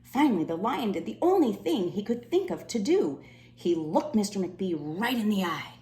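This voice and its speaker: A woman with a mid-range voice reads a children's storybook aloud at a moderate pace, narrating expressively. The recording has a roomy echo and faint background noise.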